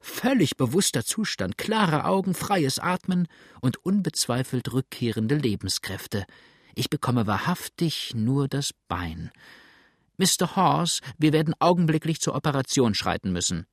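A man voicing a small, brisk, callous male country doctor who talks in a clinical, eager way and often exclaims. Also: mid-range voice, animated, no room sound, studio quality, pitched above the performer's own voice.

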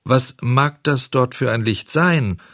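A man's voice: medium pitch, slow pace, a bit bright, no room sound, clean studio sound, voice pushed up. A man voicing a frightened wooden puppet boy who wails and pleads. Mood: determined. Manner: wailing, pleading.

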